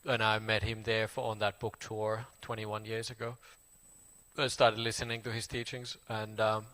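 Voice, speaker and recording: A Finnish Buddhist monk in his forties gives a casual self-introduction in halting English with a Finnish accent, full of fillers and restarts. His lowish voice is monotone and a bit bright, and his telling is plain and friendly.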